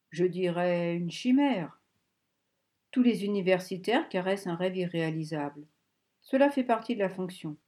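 A woman's voice: medium pitch, warm tone, lightly acted. A woman reading the part of a male Swedish academic who talks in a chatty, reassuring way.

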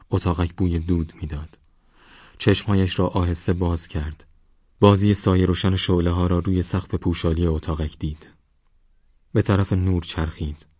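Deep-voiced male audiobook narrator. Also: darkish tone, no echo, highs cut off. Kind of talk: scripted novel narration.

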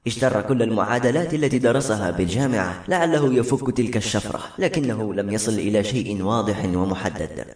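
A man reading a novel aloud as audiobook narrator, with steady, brisk storytelling. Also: mid-range voice. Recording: echoey room.

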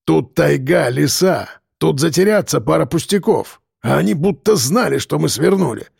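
Man doing a bearded biker, gravelly, husky, growling, cursing, slow, dry audiobook sound. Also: fairly high pitch, animated, a little mellow, no room sound, heavily acted. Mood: irritated. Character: angry foul-mouthed bearded biker man. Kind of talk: audiobook character voice.

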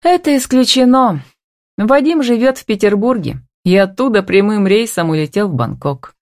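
A young heroine in love speaks with lively, exclaiming emotion, voiced by a woman reading an audiobook. The recording is dry and close, with no room sound. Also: medium pitch, normal speed, no room sound, pitched above the performer's own voice, lightly acted.

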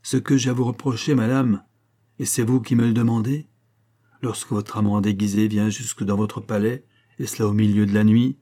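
A man's voice: lowish voice, little pitch movement, moderate pace, warm tone, close to an everyday voice. A man reading an audiobook who voices a jealous king bitterly accusing his wife.

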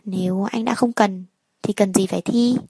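A woman reads a calm, cold young man in a story, curt with his family. The voice is husky and close. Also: medium pitch, moderate pace, dry recording.

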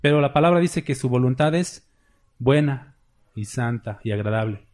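Preaching with an animated, darkish mid-range voice at a moderate pace, this pastor keeps his sermon conversational. Short tag questions such as "¿verdad?" and "¿sí?" punctuate his points as he checks in with the congregation.

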